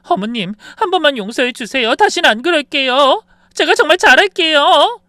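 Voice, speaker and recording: A man's voice: very high voice, animated, moderate pace, bright, forceful tone, no echo, studio quality, pitched above the performer's own voice, full character voice. A man voicing a tearful young woman who pleads for forgiveness in a storybook reading. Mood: tearful pleading. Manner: pleading, sobbing.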